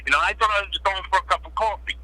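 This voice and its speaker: Blunt guy telling street stories over a tinny phone line, bright tense voice, talks fast. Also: high voice, no room sound. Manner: blunt, swears, streetwise storytelling. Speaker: interview guest. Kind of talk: storytelling in an interview.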